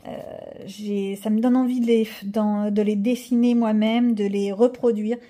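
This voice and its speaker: A woman's voice: mid-range voice, steady tone, a little slow, warm tone. A middle-aged woman chatting casually in a haul vlog, rambling with fillers and restarts as she shows her purchases. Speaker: coloring channel vlogger.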